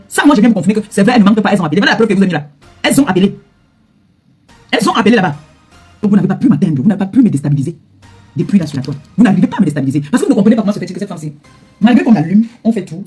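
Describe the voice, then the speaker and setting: Fast, husky woman ranting heatedly. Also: on the low side, darkish tone. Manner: heated, repetitive, confrontational retorts. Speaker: social media influencer. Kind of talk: angry direct-to-camera rant.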